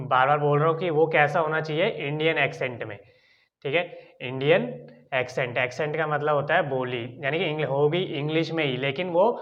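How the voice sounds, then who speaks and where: A male teacher with an Indian accent explains his lesson patiently, one step at a time, often pausing to check in with his learners. His voice sits a little high for a man. The recording is somewhat dull and lo-fi. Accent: Indian English. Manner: repeats "ठीक है" often as a filler. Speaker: English teacher.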